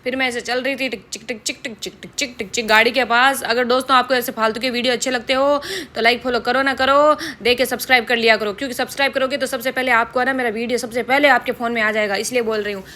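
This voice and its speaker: A woman's voice: a little high, steady tone, quick pace, bright, forceful tone. A young woman with a Rajasthani accent, narrating a casual vlog in a playful, joking way. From Rajasthan, India. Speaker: vlogger.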